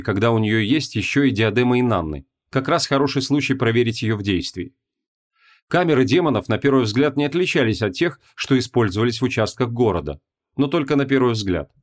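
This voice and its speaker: Man, audiobook narrator, scripted narration, measured, middle pitch.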